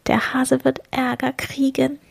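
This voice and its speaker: A woman doing squeaky little squirrels. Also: monotone, a little slow, vocal fry, breathy edge, no echo, exaggerated voice. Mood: chattering. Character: small chattering squirrels.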